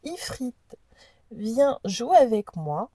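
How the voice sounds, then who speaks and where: Slow, mellow-voiced woman reading oracle cards. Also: a little high, big pitch swings, no echo. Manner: hesitant, stumbling over unfamiliar names. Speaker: host presenting an oracle deck. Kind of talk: casual chat, reading card messages aloud.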